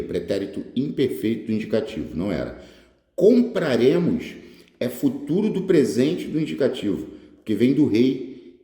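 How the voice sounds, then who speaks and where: A man's voice: on the low side, mellow. A man from Brazil, an exam prep teacher going through test answers in an informal way, drawing words out and checking in with short questions. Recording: echoey room, long reverb.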